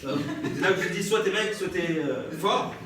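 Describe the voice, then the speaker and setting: A young man with a French accent performs stand-up stories live, joking back and forth with the audience and laughing often. His voice is high-pitched and a bit bright, at a moderate pace. Audience noise and echo fill the recording, taken from a distant mic.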